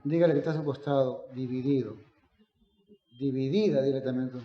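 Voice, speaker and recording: A man preaching a sermon, swinging between loud emphatic declarations and quiet storytelling. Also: medium pitch, steady tone, fairly quick. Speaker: pastor. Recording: echoey room, dull lo-fi sound.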